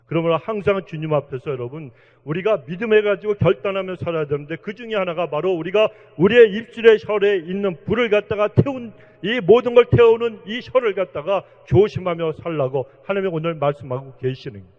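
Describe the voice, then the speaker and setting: Male pastor, high-pitched, earnest exhorting sermon delivery; muffled recording with long church-hall reverb. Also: fairly quick. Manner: earnest, exhorting, repeatedly addresses the congregation. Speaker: senior pastor.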